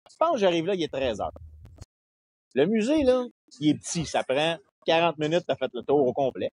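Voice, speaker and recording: A man with a Québécois accent, a podcast guest telling a casual anecdote with lively quoted voices. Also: a little high, normal speed, husky, dry recording. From Quebec. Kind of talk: casual storytelling chat.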